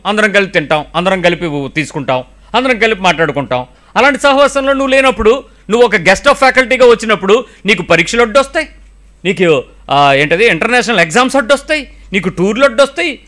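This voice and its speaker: A middle-aged male pastor preaching with a high, lively voice. His tone is bright and ringing, and he fires off rhetorical questions and drops in English phrases now and then. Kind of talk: sermon.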